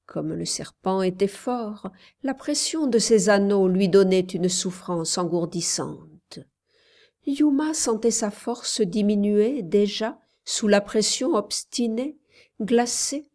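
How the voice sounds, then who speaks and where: Slow, measured woman narrator. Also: medium pitch. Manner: measured, calm storytelling. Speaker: audiobook narrator. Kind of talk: scripted audiobook narration.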